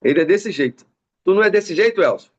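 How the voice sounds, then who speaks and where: Giving a motivational business mentoring talk, a man from Brazil speaks in a high voice and a Brazilian Portuguese accent at a fast clip. He tells stories with animation, voicing the people in them, and the audio is lo-fi.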